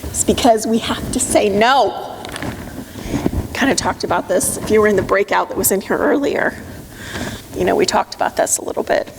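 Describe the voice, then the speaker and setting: A woman's voice: mid-range voice, normal speed, creaky, pauses often. A middle-aged woman giving a live motivational talk to an audience, emphatic, direct and coaching. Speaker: motivational speaker. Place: conference room with audience. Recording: long hall reverb, faint noise.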